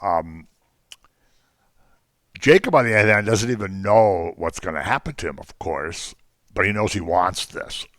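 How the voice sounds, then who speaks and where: Deep-voiced man teaching a Bible class. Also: expressive, a little slow, pauses often, fairly bright tone, dry recording, studio quality. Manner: conversational, jokey asides, frequent ums. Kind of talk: informal Bible class lecture.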